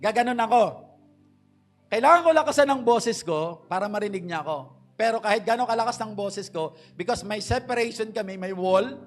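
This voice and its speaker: A middle-aged man preaching a sermon in church, polite and earnest, slowing down to stress key phrases. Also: sits high, faint music behind. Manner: slows to stress key English phrases, mixes Tagalog and English. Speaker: pastor.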